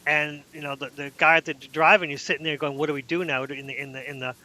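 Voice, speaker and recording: A man's voice: fairly high pitch, level tone, quick pace, sharp tone. A man in casual podcast chat, telling rambling anecdotes full of restarts. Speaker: podcast host.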